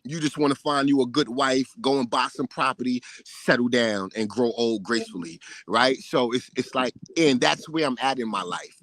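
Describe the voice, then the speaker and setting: A man's voice: medium pitch, moderate pace, few pauses, fairly bright tone, poor audio. Blunt man in his late thirties. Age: 30s. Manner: blunt, emphatic, tags nearly every point with "right?"; profane, repeats himself when pressed. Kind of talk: casual ranting monologue.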